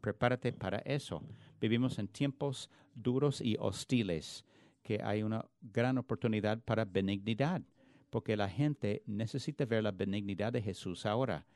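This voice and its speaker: A man's voice: fairly low pitch, moderate pace, darkish tone, no echo, clean studio sound. A man preaching a sermon in an earnest, emphatic way, often restarting words mid-phrase. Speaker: pastor.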